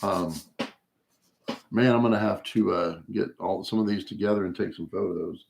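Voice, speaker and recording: A man's voice: low-pitched, fairly even intonation, moderate pace, gravelly, darkish tone. A man hosting a live card break, talking casually with many fillers, losing his voice after a long stream.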